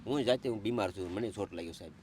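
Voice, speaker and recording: A man's voice: on the low side, very fast, a little mellow, slight background noise. A middle-aged man, crying and pleading, telling of his hardship and calling the interviewer sir again and again. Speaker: interviewee, father in need. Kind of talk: emotional conversation.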